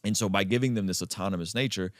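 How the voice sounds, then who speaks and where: A man from Azerbaijan hosting a podcast conversation, talking emphatically and leaping up in pitch to stress his points. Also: rapid-fire, no echo, clean studio sound. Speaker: podcast host.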